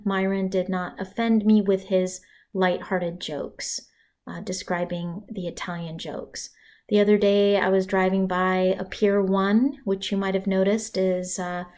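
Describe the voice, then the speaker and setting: A woman's voice: mid-range voice, a little mellow. A woman teaching punctuation in a recorded slide lecture, talking conversationally with casual asides. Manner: conversational, asides and dramatic pauses for emphasis. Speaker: writing instructor.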